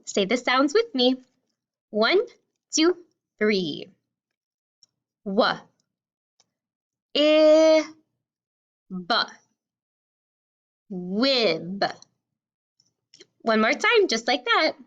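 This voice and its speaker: Woman, kindergarten teacher, remote phonics drill, unhurried, sounds out every letter, muffled lo-fi audio. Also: a little high, big pitch swings, a bit bright. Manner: slow, clearly sounding out letters and words. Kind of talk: remote phonics lesson for young children.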